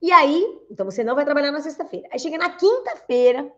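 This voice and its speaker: High pitched brazilian woman giving a talk on communication, keeps asking the audience questions, kinda muffled audio. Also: sing-song, fast. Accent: Brazilian Portuguese. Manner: rhetorical questions, calls listeners "gente", acts out quoted speech. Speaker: communication coach. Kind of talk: lecture to an audience.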